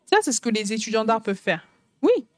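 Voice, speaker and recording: A woman's voice: fairly high pitch, very animated, brisk, no room sound, studio quality. A woman interpreting a sermon, emphatic and repeating phrases.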